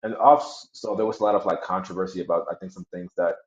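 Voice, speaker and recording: A man's voice: sits low, steady tone, fast. A man speaking as a guest in a casual political chat, blunt and emphatic, now and then laughing mid-sentence, over a video call. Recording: echoey, dull remote audio.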